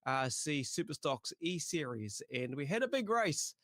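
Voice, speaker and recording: A man's voice: fairly high pitch, big pitch swings, moderate pace, a bit bright, no room sound. Casual New Zealand man hosting, close dry sound. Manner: matey, slangy. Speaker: motorsport show host. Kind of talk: casual presenting and banter.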